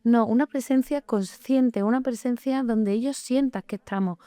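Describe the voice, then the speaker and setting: A woman co-hosting a podcast, talking in an earnest, measured way and explaining with everyday examples. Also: fairly high pitch, mellow, no room sound. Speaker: podcast co-host. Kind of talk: reflective podcast conversation.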